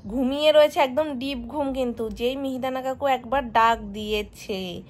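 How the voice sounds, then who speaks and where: Narrating a casual home vlog indoors and in her garden, a young woman with a West Bengal Bengali accent talks to her viewers while coaxing her toddler. She's a vlogger and mother whose voice sits high, at a normal speed.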